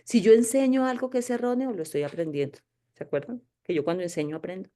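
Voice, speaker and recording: Woman, spiritual teacher with a warm, dark tone, casual and emphatic, checks in with her class a lot. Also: mid-range voice, fairly even intonation, fast talker. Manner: emphatic, asks "¿sí?" often, mimics inner voices.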